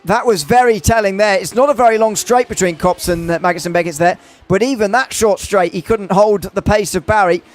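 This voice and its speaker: High-voiced hesitant male race commentator. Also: fairly quick, few pauses. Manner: hesitant, many fillers and restarts. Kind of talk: motorsport commentary.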